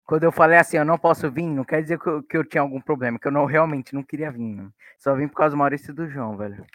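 A man's voice: on the high side, a bit bright. A young man, a guest in a casual podcast, talking defensively and swearing a lot. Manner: rapid, profane, defensive, full of "mano". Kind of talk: casual chat among friends.

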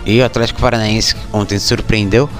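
Low-voiced Brazilian man hosting over music. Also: steady tone, a little fast. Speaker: sports show host. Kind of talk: casual football news commentary.

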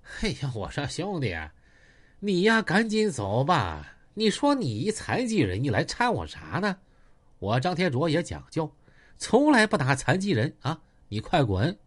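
A man's voice: on the high side, wildly swooping pitch, unhurried, exaggerated voice. A man doing a brash blustering gang boss. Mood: mocking. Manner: boastful, taunting, coarse.

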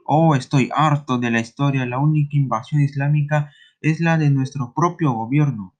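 Un hombre haciendo de padre cansado y gruñón. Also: male voice, medium pitch, normal speed, natural voice. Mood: grumbling. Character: weary, grumbling middle-aged father.

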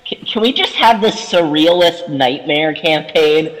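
A man with a raised pitch joins a tabletop game with long reverb around his voice. He jokes casually and gets excitable and sweary, though his overall pace is unhurried. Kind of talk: casual joking game chat.

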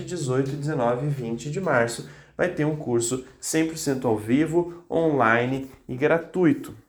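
A man's voice: on the high side, echoey room. Insistent male podcast host with a cold. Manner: insistent, repeats phrases for emphasis. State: slightly congested with a cold, occasional coughs. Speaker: podcast host coaching teachers. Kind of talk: motivational podcast monologue.

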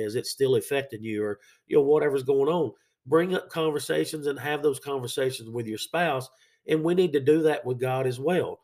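Male faith-show host, raspy and under the weather with sinus trouble, plain conversational sermon delivery. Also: mid-range voice. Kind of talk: sermon-like devotional teaching.

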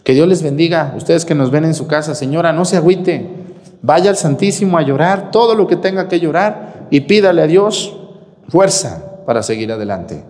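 A man's voice: a little high, expressive, moderate pace, a little mellow. A man with a Mexican Spanish accent who preaches as a priest at mass, speaking to his listeners in a folksy, emphatic way. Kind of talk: sermon during live-streamed mass. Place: church. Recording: reverberant church.

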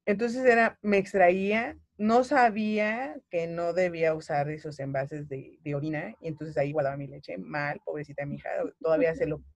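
A Mexican woman in her thirties tells her own story as a mother, animated and emotional, slipping into the voices of the people she quotes. The sound is dry and close, with no room around it. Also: low-pitched, normal speed, hardly any pauses, no echo. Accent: Mexican Spanish. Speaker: guest mother. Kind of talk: personal story in conversation.

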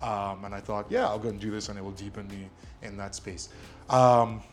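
A man's voice: lowish voice, fairly even intonation, fairly quick, soft background music. A man from Nigeria whose first language is Ijesha, a guest telling his story with lots of ums and a self-deprecating air. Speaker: guest, media company CEO. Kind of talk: casual interview.

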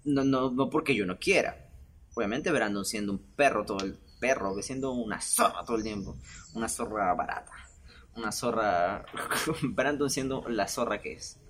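A man's voice: on the low side, normal speed, fairly bright tone, a little hiss or hum. A young man, hosting a podcast and telling a personal story in a chatty, self-mocking way, often laughing between phrases. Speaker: podcast host. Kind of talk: casual storytelling monologue.

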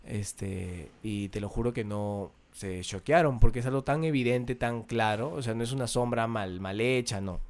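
A man, hosting a podcast and telling a story in an animated way, acting out the voices of the people in it. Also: medium pitch, moderate pace, few pauses. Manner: animated, acts out quoted voices. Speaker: podcast host. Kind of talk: casual storytelling.

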